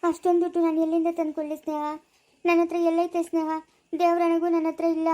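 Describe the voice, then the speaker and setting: A woman acting as a distraught village auntie, pleading in a very high voice and talking fast, her words tumbling out. She protests her innocence in an amateur family drama. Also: monotone, dark tone. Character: middle-aged village woman, accused, pleading. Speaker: foster caretaker of Sneha.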